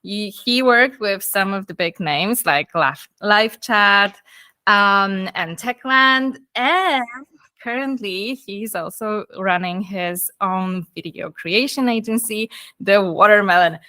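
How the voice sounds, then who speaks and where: A woman hosts an interview podcast with an upbeat, chatty manner. Her voice is bright and crisp, and it is recorded close and dry with no room sound. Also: mid-range voice, takes it slowly, no room sound. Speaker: podcast host. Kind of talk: interview hosting.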